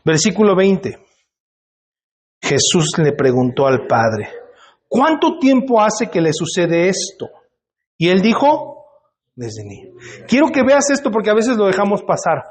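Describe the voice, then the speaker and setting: Pastor guy preaching in church, fairly high voice, keeps asking the crowd questions. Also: big pitch swings, unhurried, long pauses. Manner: conversational preaching, asks the congregation questions. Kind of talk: sermon. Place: church hall.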